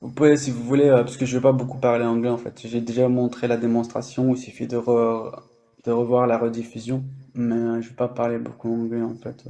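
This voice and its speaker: A man's voice: medium pitch, monotone, brisk, dark tone, slight background noise. A French-speaking man hosting a language-learning live stream, explaining casually with many fillers and restarts.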